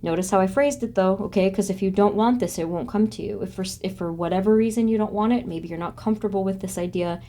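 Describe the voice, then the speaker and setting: A soft-spoken woman with a mid-range voice gives a pick-a-card tarot reading, speaking haltingly with frequent ums and restarts. At one point her voice briefly goes hoarse and quiet.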